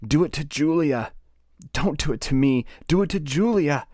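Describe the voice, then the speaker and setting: A man's voice: a little high, lively intonation, normal speed, a little mellow, dry recording, clean studio sound, pitched above the performer's own voice. A man voicing a terrified male prisoner who pleads under torture as he retells a story. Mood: screaming. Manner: pleading, rising to screams.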